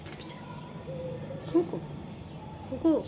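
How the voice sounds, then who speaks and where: A woman with an Egyptian Arabic accent, talking softly and coaxingly to her cat in casual pet talk. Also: unhurried, background noise. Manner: soft, coaxing, sing-song pet talk. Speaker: pet channel host. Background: faint birdsong outdoors.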